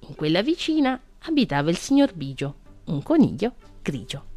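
A woman reads a children's story aloud in a gentle, expressive voice, her pitch rising and falling with lively storytelling. Soft music plays faintly beneath her. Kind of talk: storybook reading.

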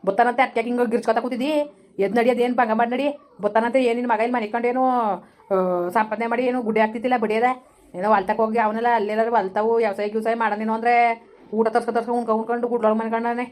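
Brief: woman as a brash, rapid-talking village woman with a rural Kannada dialect, blunt and scolding. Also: fairly high pitch, level tone, darkish tone, close to an everyday voice. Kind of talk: village comedy skit.

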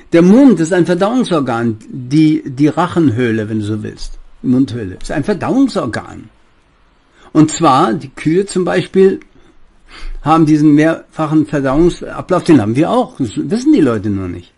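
An older man giving a preachy monologue, addressing his listeners fondly and speaking with a slightly husky voice. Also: on the high side. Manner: preachy, lively, addresses listeners as "meine Lieben". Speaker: spiritual speaker and author.

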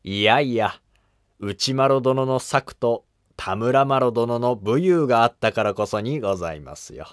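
For a Japanese historical drama, an actor plays a humble, cautious monk counseling an emperor in formal, deferential court speech. His natural male voice is mid-range, animated, and unhurried, captured in clean studio sound with no echo.

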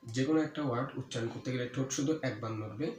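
A man teaching an English grammar lesson, repeating key words slowly and asking his own questions before answering them. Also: mid-range voice. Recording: echoey room with faint ambient noise.

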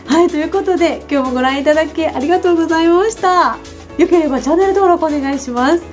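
A woman's voice: high-pitched, fast talker. A woman in her forties chatting casually in a beauty vlog, polite and flustered, laughing at herself often. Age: 40s. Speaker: beauty vlogger. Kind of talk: casual unboxing vlog chat. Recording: background music clearly audible.

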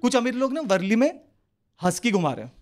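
A young man with a Mumbai Hindi accent doing an animated stand-up set on a club stage, swinging his voice into quick street characters. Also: very high voice. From India. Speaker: stand-up comedian. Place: comedy club stage with live audience. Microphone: handheld stage mic. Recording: live club recording with audience laughter.

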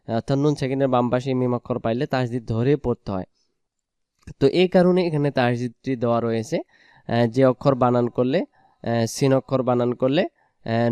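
A man from Bangladesh teaching Quran reading, rattling through explanations, then reciting verses slowly and drawn out. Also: medium pitch, dark tone, smooth, dry recording. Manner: brisk explanations between slow, drawn-out recitation.

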